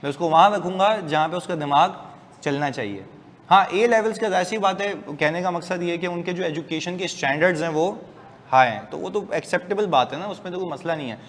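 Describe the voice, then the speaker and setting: A man's voice: high voice, fairly quick. A man, giving a casual, joking lecture to a class of accounting students. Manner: chatty, joking, lively asides to students. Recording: distant voice in a reverberant room, faint hiss.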